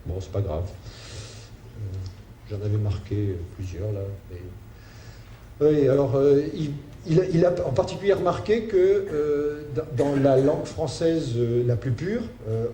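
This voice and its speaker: A man giving a spoken lecture, halting, with many fillers and restarts. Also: mid-range voice, mellow. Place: lecture hall. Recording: roomy hall sound with faint ambient noise.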